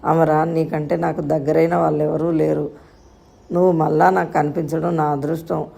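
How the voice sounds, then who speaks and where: A woman's voice: low-pitched, little pitch movement, normal speed, gravelly, warm tone, breathy edge, heavily acted. A woman reading the part of a fragile young wife who pleads through tears in a storybook tale. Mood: pleading. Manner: pleading, tearful.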